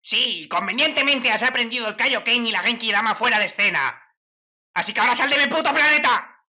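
Kaio sama, a man as a very sharp-voiced cranky master. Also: very high-pitched, lively intonation, brisk, exaggerated voice. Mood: exasperated. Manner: irritable, sardonic. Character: cranky, sardonic otherworldly martial arts master. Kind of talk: comedic anime parody dub. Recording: voice over background music.

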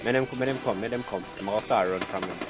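A man's voice: fairly low pitch, fast talker. A man with a Jamaican accent chatting casually during gameplay, slangy, repeating short commands to teammates. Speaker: game streamer. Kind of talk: casual gameplay chat and team callouts. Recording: voice under loud game audio. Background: loud game music and effects.

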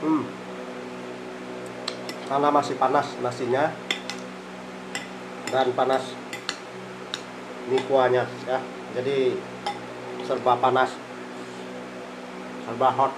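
Sitting in a small rented room, a middle-aged male food vlogger records a casual eating vlog on a phone camera placed on the table. He speaks slowly in an even, medium-pitched monotone, murmuring, saying "eh" often, and eating between phrases. Room noise and clinking cutlery and dishes come through the phone recording.

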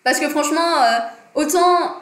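An unhurried young woman with a high, fairly bright voice hosts a casual livestream on design and politics. Her small room sounds roomy, and as she talks at her desk she's chatty, filling pauses and correcting herself often.

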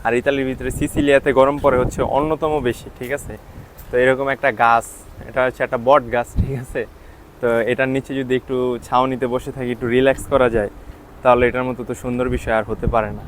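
A man filming a walking travel vlog outdoors, talking softly because he is tired and often checking in with his viewers. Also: mid-range voice, steady tone, fast, a little hiss or hum. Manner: keeps checking with "ঠিক আছে?". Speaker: travel vlogger. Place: outdoors on hilltop town streets.

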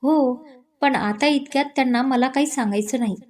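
Heartbroken young bride, read by a woman, soft-spoken, resigned, gentle, higher pitch, storybook. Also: normal speed. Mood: sad.

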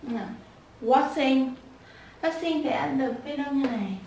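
A woman teaching children pronunciation, repeating each word slowly and breaking it into sounds with patience. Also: high voice, darkish tone, a little hiss or hum. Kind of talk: slow spoken lesson with repeated drills. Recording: echoey room, voice a bit far from the mic.

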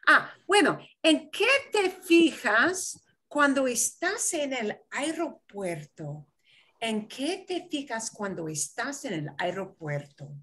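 A woman's voice: on the high side, very animated, takes it slowly, fairly bright tone. A woman from Michigan teaching Spanish in an online class, patiently explaining and switching into English to clarify. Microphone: video call.

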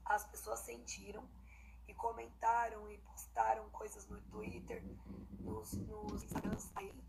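A young adult Brazilian woman with a hoarse, breathy voice, giving a casual personal statement into a phone held at arm's length while lying down indoors. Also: medium pitch, sing-song, measured pace, a little mellow. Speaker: singer. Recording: noisy phone recording.

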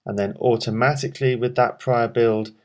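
A man presenting a software tutorial, calmly explaining each step of a screen walkthrough with frequent ums. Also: mid-range voice, moderate pace.

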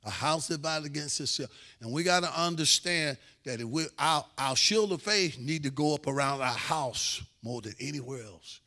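A middle-aged man, preaching a sermon as pastor, who swings between quiet asides, loud shouts and sung-out lines and acts out family arguments in different voices. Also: a little high, lively intonation, normal speed. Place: church.

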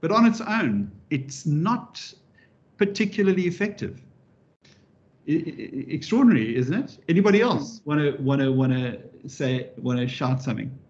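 A man giving an interactive public lecture as a professor, lively and animated, often restarting his sentences and adding wry asides. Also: on the high side, moderate pace. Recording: dull lo-fi recording.

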